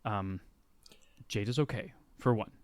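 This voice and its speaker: A man voicing an earnest woman warrior who rushes through her words in a tabletop game. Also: lowish voice, darkish tone, voice pushed down, natural voice.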